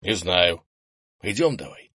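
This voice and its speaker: A hulking old grandfather warrior, voiced by a man in an audiobook, hoarse and wounded, barking orders in slow, loud bursts. His gruff voice sits a little above the reader's low natural tone. The recording is dry and close. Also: animated, dry recording, full character voice. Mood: grumbling. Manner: hoarse, grumbling, bossy. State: wounded and out of breath.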